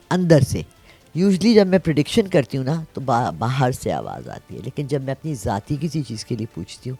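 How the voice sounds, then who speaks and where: An older woman in her sixties talks in an interview about her work reading palms. She tells her stories with animation, often pausing to check that her listener follows. Soft music plays faintly beneath her voice. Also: rumbling low, husky. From Pakistan. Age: 60s. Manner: animated storyteller, frequent "theek hai?" check-ins. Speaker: palm reader and astrologer. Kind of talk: casual interview.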